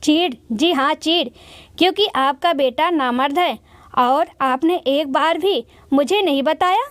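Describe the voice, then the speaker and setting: A woman voicing a furious middle-aged father who hurls accusations, reading it in a high, dry storybook voice. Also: measured pace, no room sound. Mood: angry. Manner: shouting accusations.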